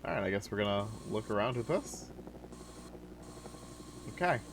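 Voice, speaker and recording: Young man, low voice, easygoing let's-play chatter at a desk mic. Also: lively intonation, moderate pace, gravelly, a little hiss or hum, low-quality recording. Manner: laid-back, chatty, many filler "like"s. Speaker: gaming video host. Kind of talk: casual let's-play commentary.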